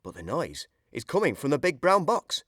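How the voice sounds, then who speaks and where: A man reading a children's picture book aloud in an expressive storytelling voice. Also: on the high side, normal speed, slightly rough, no echo, clean studio sound. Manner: expressive, sing-song storytelling.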